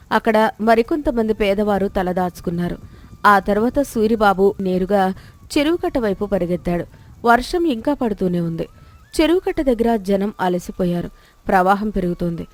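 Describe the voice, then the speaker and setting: A woman's voice: mid-range voice, animated, normal speed. A woman narrating a children's moral story in a scripted storybook style.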